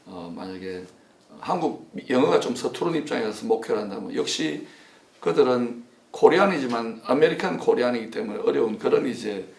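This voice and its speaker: Korean pastor guy from south korea preaching and hosting, creaky voice, emphatic, echoey room. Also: mid-range voice, animated, brisk. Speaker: pastor and host. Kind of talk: sermon turning into interview. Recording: roomy echo.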